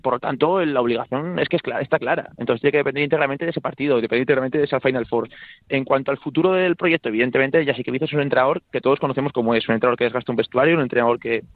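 Man, sports pundit, very fast, emphatic, repeats himself, tinny phone line, dry. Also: medium pitch, no echo. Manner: rapid, emphatic, repeats phrases while building points. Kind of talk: radio sports debate.

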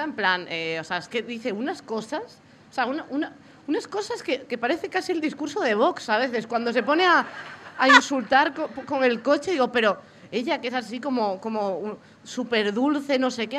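A woman's voice: fairly high pitch, a bit bright, a little hiss or hum. A young woman in casual chat, rambling with many restarts and poking fun at herself.

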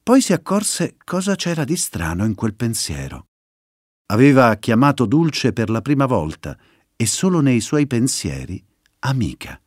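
A man reading a children's story aloud as its narrator, in an expressive storytelling way. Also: medium pitch, a little slow, husky, no room sound, clean studio sound.

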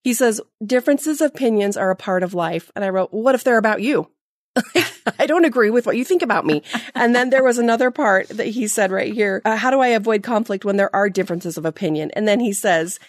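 A woman's voice: medium pitch, no room sound, studio quality. A woman in her forties, a podcast guest telling stories in casual chat, laughing at herself. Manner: animated, self-mocking storyteller who laughs at herself.

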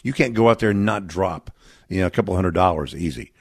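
On a radio interview, a middle-aged man from Texas representing a charity speaks in an earnest, reflective way yet sounds animated and a little fast. His voice is low with a gravelly edge, and the studio sound is dry and close, with no room sound.

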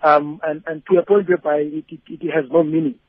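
Husky man on phone line. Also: on the high side, level tone, no room sound. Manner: halting, repeats words while reasoning. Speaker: radio phone-in caller. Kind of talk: casual reflective opinion. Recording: tinny narrow phone line.

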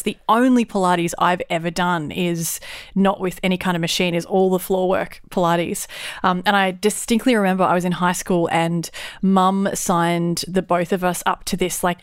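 Lively Australian woman telling stories. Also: lowish voice, normal speed, smooth, no echo, clean studio sound. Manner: lively storyteller, laughs often. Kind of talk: casual chat.

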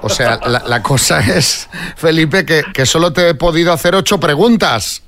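A man hosting a morning radio show, reading quiz questions briskly and chatting with his co-hosts. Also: a little high, fairly bright tone, a little hiss or hum. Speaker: radio host. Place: radio studio.

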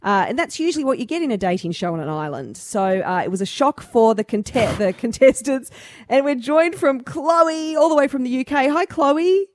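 A woman's voice: high voice, lively intonation, normal speed, dry recording. A woman hosting a casual entertainment interview, chatting as she introduces topics and asks questions. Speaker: show host interviewer.

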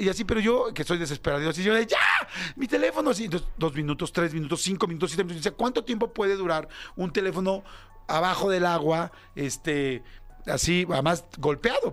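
A Mexican man with a Mexican Spanish accent telling a story casually, full of slang and jumping into high acted-out voices. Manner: animated, slangy, acts out other voices with big pitch jumps. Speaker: podcast host.

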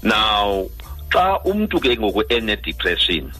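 A man's voice: on the low side, sing-song, a little slow, sharp tone, faint music behind. A South African man, a guest doctor, explaining things in a radio interview and often checking that listeners follow. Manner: checks understanding with frequent tag questions.

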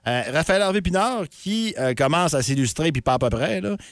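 Speaking into a studio mic with no echo, this Quebec French woman delivers the sports segment of a morning radio show. Her voice sits low with lively intonation, and her brisk, chatty report is full of fillers and stumbles.

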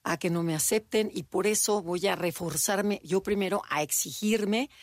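A woman's voice: mid-range voice, moderate pace, no echo, studio quality. A woman co-hosting a podcast in casual chat, often acting out children and parents in little quoted voices. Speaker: podcast co-host.

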